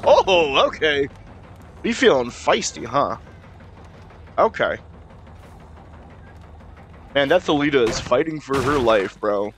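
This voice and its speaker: A man's voice: mid-range voice, big pitch swings, takes it slowly, long pauses, a bit bright, faint music behind. A young man casually commenting on his own gameplay, swearing and talking to himself as he plays. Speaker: gaming YouTuber.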